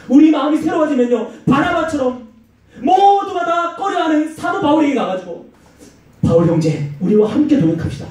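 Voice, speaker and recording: A man gives a lively youth sermon in a church hall, acting out the voices of the people in his stories. His voice is high and swings widely in pitch, with a mellow, dark tone. The mic sits far off in a very echoey room. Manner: animated storytelling with acted-out quotes and swinging pitch. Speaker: youth pastor.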